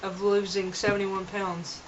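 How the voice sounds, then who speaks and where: A woman's voice: medium pitch, little pitch movement, unhurried, slight background noise. A young woman talking earnestly in a casual vlog, rambling and restarting her sentences, recorded on a camera mic at home. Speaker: vlogger. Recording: dull lo-fi home video.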